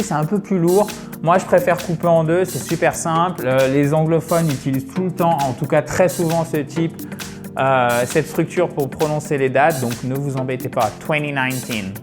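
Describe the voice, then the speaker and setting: Higher-voiced chatty male English teacher. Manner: chatty, keeps checking in with "ok?"; addresses viewers warmly as friends. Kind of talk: direct-to-viewer course promotion.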